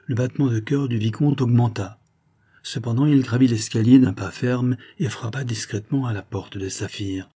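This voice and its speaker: A man narrating a novel as a measured, steady audiobook reading. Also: mid-range voice.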